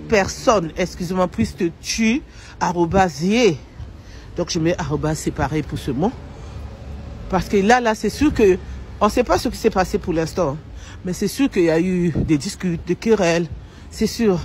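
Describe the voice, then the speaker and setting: A woman's voice: on the low side, a little mellow, a little hiss or hum. A middle-aged woman talks straight to her audience in an emotional, heartfelt commentary. She is earnest and repetitive, often tripping over a word and saying sorry before carrying on. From Congo-Brazzaville. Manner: earnest, repetitive, stumbles and apologizes. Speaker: social media commentator. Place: home in Paris.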